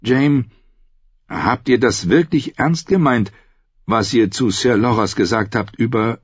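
A man's voice: mid-range voice, unhurried, slightly rough, no room sound, voice pushed up. A man voicing an earnest young woman knight. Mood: earnest, unsure. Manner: pleading, insistent questions. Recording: dry, slightly dull studio audio.

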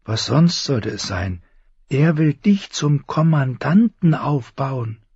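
A man's voice: mid-range voice, big pitch swings, takes it slowly, a little mellow, breathy edge, no echo, pitched above the performer's own voice, heavily acted. A man voicing an earnest, anxious young man who eagerly explains and pleads in an audiobook. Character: earnest, anxious plump young male friend. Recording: slightly dull recording.

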